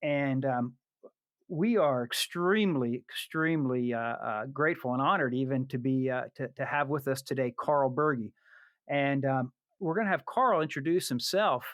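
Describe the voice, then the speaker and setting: A man's voice: medium pitch, moderate pace, a bit bright, dry recording. A man hosting a podcast, introducing a guest in a casual, earnest way, stumbling over words with many fillers. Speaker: podcast host.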